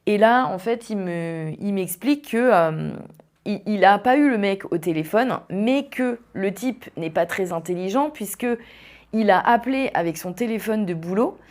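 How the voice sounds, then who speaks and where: A young woman from western France hosting a podcast, telling a personal story in a casual, animated way, with lots of fillers and restarts. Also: mid-range voice, normal speed. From Vendée, France. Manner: animated, tumbling speech with frequent fillers and restarts. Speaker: podcast host.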